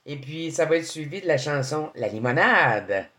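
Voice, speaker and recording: A man's voice: on the high side, sing-song, moderate pace, bright, forceful tone. A man hosting a radio interview, bantering and laughing easily with his guest. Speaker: radio host.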